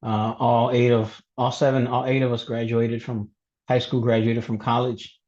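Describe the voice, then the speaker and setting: A man from Mexico who grew up in Texas, introducing himself as a panelist in a webinar, pausing often with fillers and restarts. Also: mid-range voice, level tone, darkish tone. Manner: halting, many fillers and restarts. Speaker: panelist, college instructor. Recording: dull lo-fi webinar audio.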